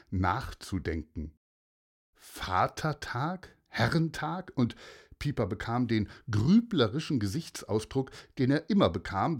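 A man narrating a children's story with playful, expressive emphasis. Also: mid-range voice, husky.

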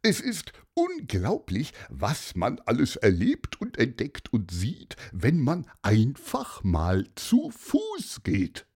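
A friendly grown man from a children's audio story, chatting warmly about a small adventure, as the narrator puts him on. The voice is husky, slow and lively in pitch. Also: exaggerated voice. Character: friendly adult man who loves walking. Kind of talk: storybook character voice.

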